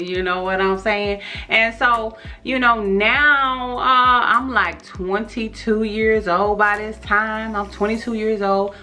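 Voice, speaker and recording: A woman tells her life story straight to her viewers. She talks in an animated, slangy way. Her voice is bright and sits at a middle pitch. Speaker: vlogger. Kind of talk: storytime vlog.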